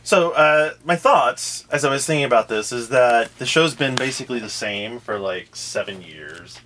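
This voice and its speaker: A man's voice: mid-range voice, lively intonation, moderate pace, pushed and bright, a little hiss or hum, rough recording. A man hosting a casual behind-the-scenes podcast chat, rambling and wry as he lays out plans for the show. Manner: rambling, wry, self-interrupting. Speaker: podcast host planning the show.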